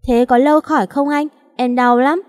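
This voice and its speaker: A woman's voice: high-pitched, fairly even intonation, normal speed, voice pushed up, lightly acted. A woman voicing a lost, tearful little girl who whines and pleads. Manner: whiny, pleading. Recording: long reverb.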